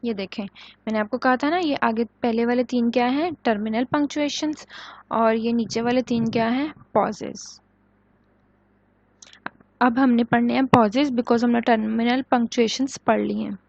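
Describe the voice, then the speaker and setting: A woman with a slightly high voice teaches English punctuation in a recorded online lecture. She puts questions to her students and answers them herself, reading each English example slowly. The recording is dry, close and a little muffled. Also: vocal fry, no echo. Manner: explains in Urdu-flavored Hindi, reading English example sentences slowly.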